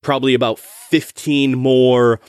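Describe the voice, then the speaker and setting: A man runs a tabletop game as game master, describing scenes in a loose, rambling way. His voice sits at a middle pitch. The recording is dry and close. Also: level tone, a little slow, clean tone, no room sound. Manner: rambling, casual, many fillers and restarts.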